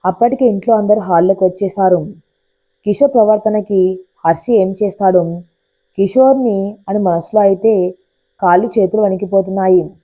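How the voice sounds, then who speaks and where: Woman, audiobook narrator, expressive storytelling, mellow warm tone. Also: medium pitch, normal speed, long pauses.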